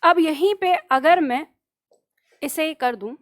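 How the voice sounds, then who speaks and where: A woman teaching a grammar lesson online, repeating phrases slowly for students to write down and answering her own questions. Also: high voice. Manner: asks questions and answers them herself. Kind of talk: online exam-prep lesson.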